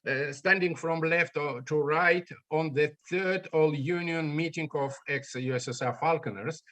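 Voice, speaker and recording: A man from Estonia, an ornithologist, giving a presentation over a video call in halting with many fillers. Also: fairly high pitch, bright, forceful tone. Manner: halting, non-native English with fillers. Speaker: guest speaker, ornithologist. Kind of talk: remote presentation talk.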